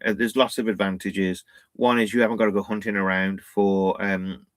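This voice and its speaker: This man co-hosts a relaxed van life livestream, answering viewer questions at a moderate pace in a fairly low voice with little pitch movement, captured as a dry recording. He rambles and laughs a lot, saying "bloody" and "innit" along the way.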